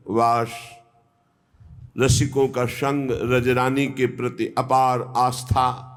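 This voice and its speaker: A man giving a devotional discourse as a spiritual teacher, speaking in a measured, reverent way. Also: mid-range voice. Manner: slow, measured, reverent delivery.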